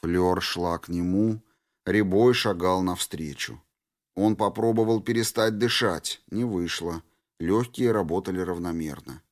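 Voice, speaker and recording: A man narrating an audiobook in a steady, measured way. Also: low voice. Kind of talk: scripted narration.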